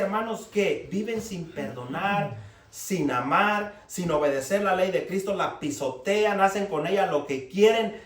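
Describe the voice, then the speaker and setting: A man preaching a sermon, firing rhetorical questions at the congregation. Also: high voice. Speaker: pastor. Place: church hall. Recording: echoey room, mic far off, faint noise.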